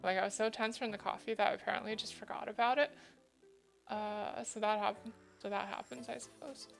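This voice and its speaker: Woman, cute flustered streamer, fairly high pitch, crackly fry, casual thinking-aloud chatter, faint music behind. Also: fairly even intonation, brisk. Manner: scattered, self-interrupting, mutters to herself. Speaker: livestreamer drawing fan art. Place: indoor streaming setup.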